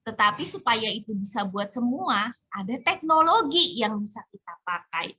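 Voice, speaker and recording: A woman's voice: fairly high pitch, lively intonation, normal speed, pushed and bright, breathy edge. A chatty woman hosting an informal online community talk in colloquial speech. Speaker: host of a community webinar.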